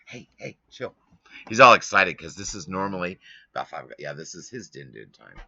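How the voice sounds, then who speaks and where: A man's voice: low-pitched, lively intonation, fast talker, pushed and bright, dull audio. A man hosting his own live stream from a home studio, talking casually and rambling as he grumbles at length.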